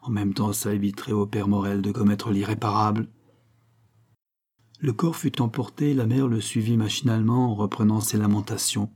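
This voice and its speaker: A man narrates a crime novel in a low, husky voice. His tone is dark and mellow. The reading is measured and even. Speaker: audiobook narrator.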